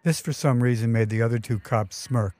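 A man's voice: mid-range voice, fairly quick, darkish tone, no echo. Man narrating a wry memoir. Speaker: storyteller. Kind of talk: first-person memoir narration.

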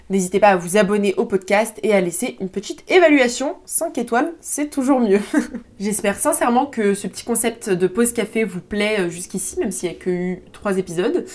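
Chatty young French woman podcasting. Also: medium pitch. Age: young adult. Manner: chatty and informal, with slang and frequent fillers. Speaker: podcast host. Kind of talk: casual solo podcast talk. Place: room at home, seated on a chair.

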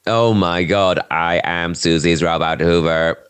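A man's voice: deep voice, fairly even intonation, unhurried, a bit bright, smooth, no room sound, voice pushed down. A man putting on a camp robot vacuum cleaner voice during casual podcast banter. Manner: camp, playful. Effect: put-on robot voice.

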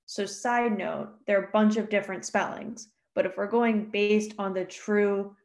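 A woman with a gravelly, creaky voice talks slowly as she introduces her segment. She rambles and jokes at her own expense, piling up "like"s, in a relaxed podcast chat. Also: mid-range voice. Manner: rambling, self-deprecating, lots of fillers. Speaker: podcast co-host. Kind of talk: casual history podcast chat.

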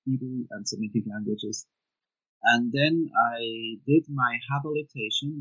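A middle-aged man, a Bible professor answering interview questions in a careful, deliberate, academic way, on dull, lo-fi remote audio. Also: medium pitch, pushed and bright, slightly rough, dry recording. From Switzerland. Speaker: guest author, Bible professor.

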